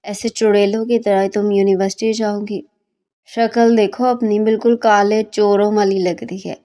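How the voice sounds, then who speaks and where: A woman's voice: mid-range voice, little pitch movement, moderate pace, mellow, lightly acted. A woman voicing a sleepy young male student who grumbles and mocks with teasing insults. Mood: grumbling.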